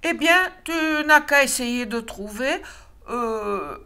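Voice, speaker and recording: A woman's voice: fairly high pitch, expressive, takes it slowly, bright, forceful tone, voice pushed up, exaggerated voice. Distracted father wolf, lecturing and bossy, played by a woman reading a picture book. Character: busy distracted father wolf teaching cubs.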